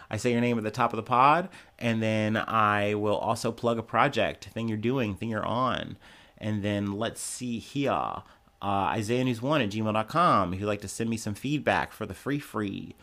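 With a fairly low, sharp-toned voice at a moderate pace, a young man hosts his own news podcast. His casual commentary has him quoting items aloud and then riffing loosely, chattily, and profanely.

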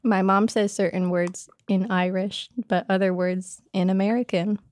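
A woman hosting a podcast in a casual chat, with a wry, playful, deadpan humor. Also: mid-range voice, normal speed, no echo. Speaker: podcast host.

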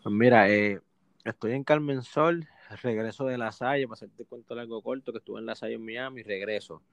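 A young Puerto Rican man tells his story as an interview guest, animated and quick to act out quotes, often restarting. His voice sits at a middle pitch. The sound is dry and close. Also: creaky, no room sound. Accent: Puerto Rican Spanish. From Puerto Rico. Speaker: guest, basketball player.

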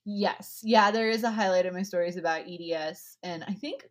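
A woman's voice: fairly low pitch, normal speed. A young woman chatting casually on a podcast as a guest, laughing often and using lots of fillers.

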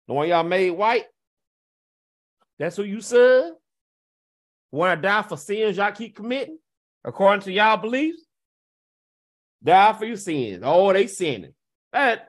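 A man delivering a confrontational rant, firing taunting rhetorical questions and scoffing laughs, swinging from loud jeers to low, slow muttering.

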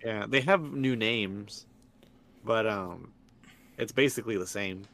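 A young man co-hosting a podcast in casual chat, chiming in with quick agreements and callbacks. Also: fairly low pitch, a bit bright. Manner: easygoing, chiming in with short agreements. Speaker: podcast co-host. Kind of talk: casual chat about an anime.

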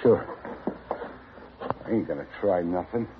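A man's voice: sits low, measured pace, noisy background. A man playing a nervous drunken cowboy braggart who pleads and denies in a whiny way, in 1950s radio drama style. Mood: pleading. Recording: tinny lo-fi old radio broadcast.

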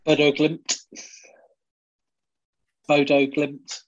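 A man's voice: on the high side, completely flat delivery, very slow, dull audio. A man chatting and bantering casually as a regular on a football podcast.

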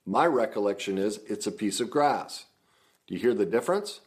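A man's voice: on the low side, animated, moderate pace. A man teaching about communication in relationships, earnest and emphatic, acting out sample dialogue. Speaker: relationship coach.

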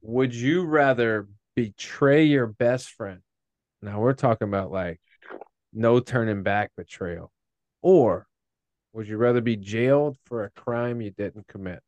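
A man's voice: mid-range voice, darkish tone, no echo, lo-fi sound. Laid-back man in a dry room. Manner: laid-back, drawn-out, jokey. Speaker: podcast co-host asking questions. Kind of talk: casual podcast chat.

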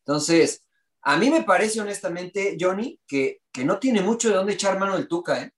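A man's voice: high-pitched, expressive, moderate pace, far from the mic. A man giving his football opinions in casual chat, making his case point by point. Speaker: football podcast panelist. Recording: roomy, echoey room sound.

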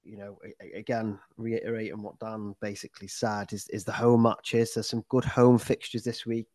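A man's voice: lowish voice, little pitch movement, moderate pace, darkish tone, no echo. A man co-hosting a fantasy football podcast with casual analysis, speaking hesitantly and repeating words as he goes. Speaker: co-host and panellist.

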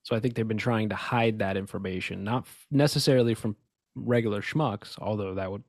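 Talking a little fast in a voice on the low side, a man co-hosts a casual podcast and riffs on conspiracies. He has hiccups and his delivery is rambling and emphatic, with lots of restarts and asides; the audio is dry and clean, like a studio.

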